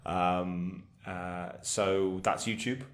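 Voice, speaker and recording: Hesitant low-voiced man explaining. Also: fairly even intonation, very slow, a little hiss or hum. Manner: hesitant, thoughtful, many ums and restarts. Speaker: podcast co-host, energy expert. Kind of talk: casual podcast chat.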